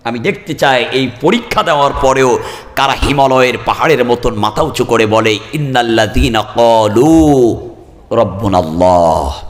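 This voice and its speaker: A man preaching a sermon, moving between slow chanted verses and high shouted peaks. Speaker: Islamic preacher. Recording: reverberant hall sound.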